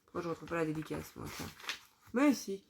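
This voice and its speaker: A woman's voice: low-pitched, expressive, brisk, gravelly, a little mellow, slight background noise. A young woman chatting casually about her books, candid and thinking aloud with lots of fillers. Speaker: book vlogger. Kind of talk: casual chat.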